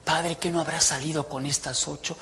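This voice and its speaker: A man's voice: on the high side, steady tone, normal speed, pushed and bright. A man voicing a poor grieving mother who pleads with her priest. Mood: pleading.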